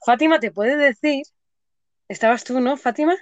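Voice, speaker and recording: Woman telling animated stories. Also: high-pitched, normal speed, no room sound, muffled recording. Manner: animated storyteller, acts out her own fear. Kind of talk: casual chat.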